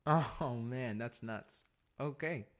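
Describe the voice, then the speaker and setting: Speaking slowly in a medium-pitched, fairly bright voice, this young adult podcast co-host spins a long, loose story laced with profanity and filler words in a casual, laid-back chat.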